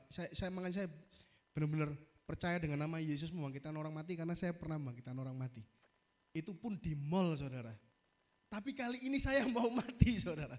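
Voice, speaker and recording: A male pastor with an East Javanese accent preaching a sermon, telling a story in a lively way and often calling out to the congregation. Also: a little high.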